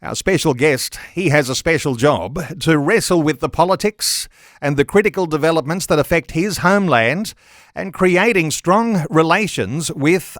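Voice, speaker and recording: A man with an Australian accent hosting a radio talkback interview in deliberate, polished broadcast phrasing. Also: fairly high pitch, fairly bright tone, dry recording, clean studio sound.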